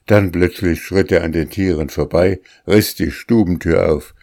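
A man reads a classic tale aloud at an unhurried, measured pace. His voice sits very low. The recording is dry and close, with no room echo. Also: gravelly, a little mellow. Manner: measured, deliberate storytelling. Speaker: narrator. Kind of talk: audiobook reading of a classic tale.

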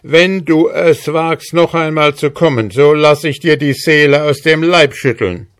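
A man's voice: on the high side, a little slow, clean tone, pitched above the performer's own voice, natural voice. A man doing a cocky young hussar. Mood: bold, defiant. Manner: confident, raised, defiant. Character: bold cheeky young male hussar soldier.

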